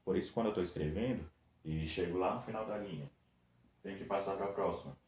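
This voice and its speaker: A male teacher with a Brazilian Portuguese accent talks children through a recorded lesson. His voice sits fairly low and he stretches words out patiently, one syllable at a time. The room echoes and there is a faint hiss behind him. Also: a little mellow. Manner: patient, drawn-out syllable-by-syllable demonstration.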